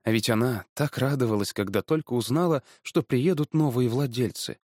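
A man reading a children's story aloud in a lively, animated way. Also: medium pitch, normal speed, no room sound, clean studio sound.

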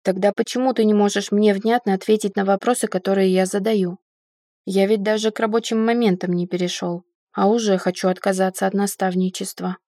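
A woman's voice: mid-range voice, fairly even intonation, normal speed, hardly any pauses, warm tone, dry recording, studio quality, lightly acted. A woman reading the lines of a stern, irritable male doctor and supervisor who snaps out short demands. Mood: irritated. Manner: gruff, snapping short demands.

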